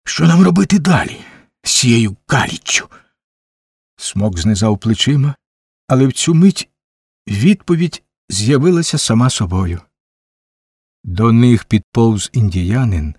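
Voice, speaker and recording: A man reading a novel aloud as a measured audiobook narrator. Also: lowish voice, darkish tone, slightly rough, no room sound, studio quality. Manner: measured, unhurried storytelling. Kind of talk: scripted narration.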